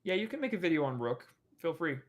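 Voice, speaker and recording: Young man, casual stream chat, rambling with fillers, a bit high-pitched. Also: sing-song, fast talker. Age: young adult. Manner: rambling, many fillers and restarts. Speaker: animator and streamer.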